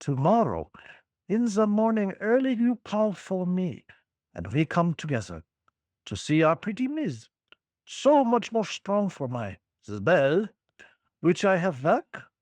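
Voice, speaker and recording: A man voicing a confident elderly male professor with a put-on German accent and quiet, halting foreign phrasing. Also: sits high, very animated, no echo, heavily acted.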